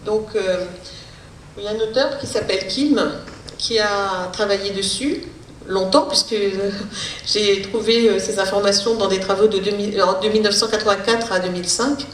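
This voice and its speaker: A woman speech therapist giving a public lecture, explaining in a halting way with many hesitations. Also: medium pitch, fairly even intonation. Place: lecture hall. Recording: roomy hall, distant mic, faint noise.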